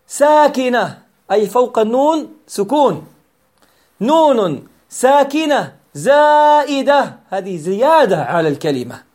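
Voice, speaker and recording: A man's voice: extremely high pitch, a little mellow. A man teaching an Arabic grammar lesson, patiently repeating key points and asking and answering his own questions.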